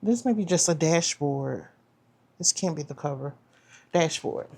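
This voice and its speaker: A woman's voice: low-pitched, lively intonation, unhurried, gravelly, a little mellow, breathy edge. A woman chatting casually as she unboxes a planner subscription box, trailing off and restarting, and saying "y'all". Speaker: planner vlogger.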